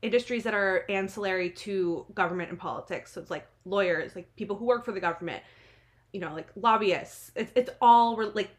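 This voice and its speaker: A woman in her late twenties from New Jersey with an American accent, chatting casually as a podcast guest in an animated, wry, self-deprecating way. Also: mid-range voice, fairly quick. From New Jersey, United States. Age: late 20s. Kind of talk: casual interview chat.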